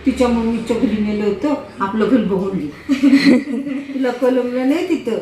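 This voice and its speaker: A woman's voice: on the high side, unhurried, warm tone. Older woman in baby talk, echoey room. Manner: teasing, playful baby talk with frequent laughs. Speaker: grandmother. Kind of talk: casual family chat. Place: indoors at home. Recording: echoey room with faint noise.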